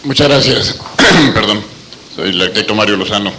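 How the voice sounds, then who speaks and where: A Mexican-accented man with a fairly low voice comments from the audience at a conference. He explains his point politely, with some noise and ambience behind him. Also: moderate pace, pushed and bright, rough recording. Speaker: architect, audience member commenting. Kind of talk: spoken comment in a question session. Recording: background noise and room ambience.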